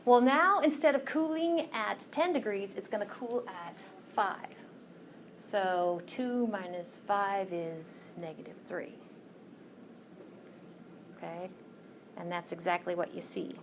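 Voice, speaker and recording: A woman teaching a college class in a classroom, explaining each step patiently and pausing to ask "okay?". Her voice sits in a middle range. A faint hiss runs under the recording. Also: medium pitch. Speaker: college lecturer. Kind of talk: classroom lecture.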